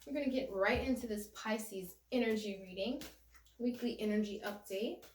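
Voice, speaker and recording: A woman's voice: mid-range voice, moderate pace, distant mic, slight background noise. A woman giving a casual tarot reading to her viewers in a conversational way, often repeating and restarting her phrases. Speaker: tarot reader. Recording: echoey room, voice off-mic.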